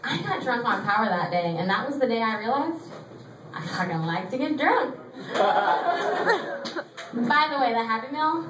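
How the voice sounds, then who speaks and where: A slightly high, expressive voice at a moderate pace, broken by long pauses, belongs to a thirty-year-old woman doing confessional, self-mocking stand-up with plenty of cursing. The setting is a small theatre stage with laughing spectators, recorded at a distance in an echoey, noisy room.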